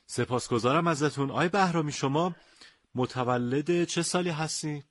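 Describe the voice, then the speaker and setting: A man's voice: a little high, no echo, studio quality. A male radio show host interviewing a guest, courteous and effusive with praise. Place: radio studio.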